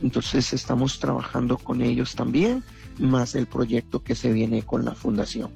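A former footballer from Costa Rica, speaking with a Costa Rican accent, answers interview questions earnestly, with many fillers. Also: male voice, mid-range voice, flat delivery, unhurried, vocal fry, a little mellow, soft background music. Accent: Costa Rican Spanish. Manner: earnest, reflective, with frequent fillers.

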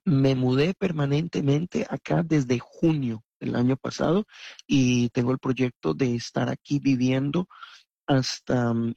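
A former footballer from Costa Rica, speaking with a Costa Rican accent, answers interview questions earnestly, with many fillers. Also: male voice, medium pitch, vocal fry, mellow, slightly rough, no room sound, dull audio. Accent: Costa Rican Spanish. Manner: earnest, reflective, with frequent fillers.

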